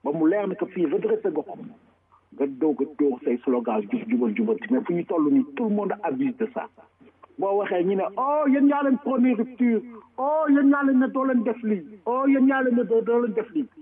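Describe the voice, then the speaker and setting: A man with a Senegalese French accent talks politics in a forceful, emphatic way, swinging between Wolof and French mid-sentence. His voice sits fairly high for a man. The sound is thin and tinny, like a phone line. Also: lively intonation, fairly quick. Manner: forceful and emphatic, repeating words. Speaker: commentator. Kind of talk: political commentary.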